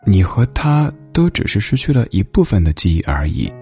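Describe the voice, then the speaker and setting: A man's voice: fairly low pitch, sing-song, moderate pace, warm tone, faint music behind. A man voicing a caring neighbor in a storybook who speaks in an urgent, reassuring way. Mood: earnest.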